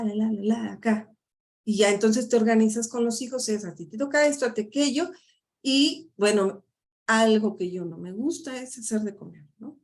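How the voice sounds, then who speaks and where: A woman's voice: on the high side, a little mellow. A middle-aged woman, a life coach giving a chatty workshop talk full of tag questions. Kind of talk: live online workshop talk.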